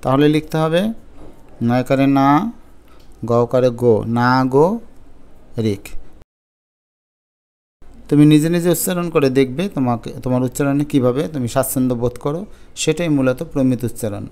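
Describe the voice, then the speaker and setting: A male teacher explaining pronunciation rules step by step in an exam-prep lesson, slowly sounding out syllables to his students. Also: medium pitch, warm tone, smooth.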